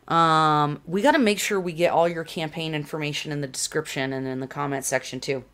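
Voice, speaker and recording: A woman's voice: low-pitched, fairly even intonation, a little fast, a bit bright. A woman in her thirties hosting a casual livestream talk show from a small home studio, chatty and greeting viewers by name. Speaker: show host. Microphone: desk condenser mic.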